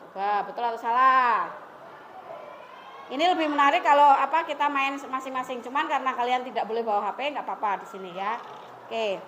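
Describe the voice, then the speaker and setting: A woman's voice: high voice, brisk, fairly bright tone, slight background noise. A woman English teacher leading a classroom lesson, coaxing and prompting her students to come forward and answer.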